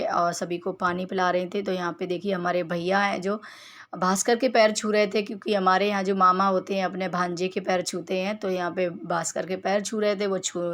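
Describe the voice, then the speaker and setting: A woman vlogger in her thirties from Uttar Pradesh talks over her home video in a chatty, homely way. Her voice sits at a middling pitch and stays quite level. She walks the listener through each clip. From Uttar Pradesh, India. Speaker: family vlogger. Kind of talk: casual vlog voice-over narration.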